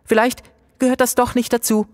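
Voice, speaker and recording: A man's voice: very high voice, little pitch movement, fairly quick, pitched above the performer's own voice. A man voicing a bossy, rule-minded schoolgirl in a children's audiobook. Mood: insistent. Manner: insistent, rule-citing. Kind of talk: storybook character voice.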